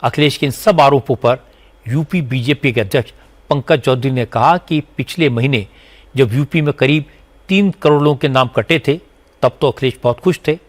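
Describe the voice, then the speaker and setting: A man narrating a scripted news report in a measured, formal way. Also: medium pitch. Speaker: news anchor.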